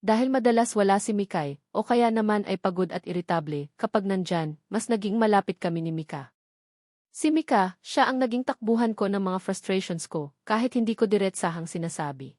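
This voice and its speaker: A woman's voice: medium pitch, expressive, a little fast, darkish tone, no echo. Woman narrating a dramatic audiobook, dry. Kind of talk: first-person story narration.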